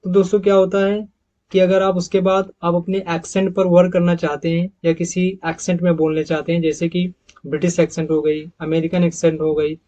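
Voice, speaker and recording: A man teaching English pronunciation over slides, repeating each example word slowly and calling his viewers friends. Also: sits high, flat delivery, warm tone, rough recording. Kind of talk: slide-based pronunciation lesson.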